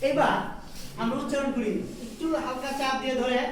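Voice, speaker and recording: A woman's voice: high voice, steady tone, fairly quick, slight background noise. A woman teaching English pronunciation to a class, drilling sounds by repetition and quizzing the students. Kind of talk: classroom lesson with call-and-response drills. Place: large echoey classroom. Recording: very echoey classroom from far off. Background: class of students responding.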